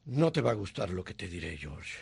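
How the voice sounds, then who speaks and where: An actor voicing a gentle, elderly male guardian angel in a dubbed film drama, speaking slowly and coaxingly. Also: low voice, very animated, vocal fry, breathy edge, no echo, full character voice. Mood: urgent.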